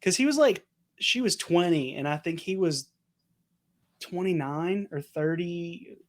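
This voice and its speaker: A man's voice: on the high side, lively intonation, measured pace. A young man co-hosting a podcast, chatting casually and rambling with lots of "like". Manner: rambling, uses "like" a lot. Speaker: podcast co-host. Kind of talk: casual chat.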